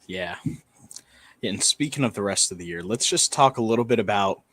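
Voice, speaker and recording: A man's voice: lowish voice, animated, normal speed, a bit bright. A man co-hosting a casual college football talk show, steadily laying out playoff scenarios point by point. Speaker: sports podcast co-host.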